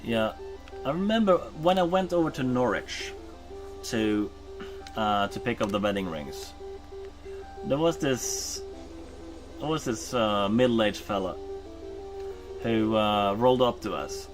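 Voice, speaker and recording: This fairly low, animated male voice belongs to a man from Norway chatting casually during a game stream, with music playing. His pace is slow and he pauses often, filling the gaps with ums and uhs and frequent self-corrections.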